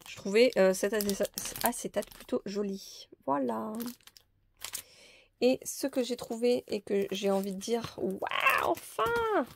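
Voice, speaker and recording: A woman's voice: medium pitch, steady tone, measured pace, creaky, darkish tone, slight background noise. A woman presenting a crafting haul in a casual, hesitant, chatty way with many fillers. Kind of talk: casual show-and-tell haul.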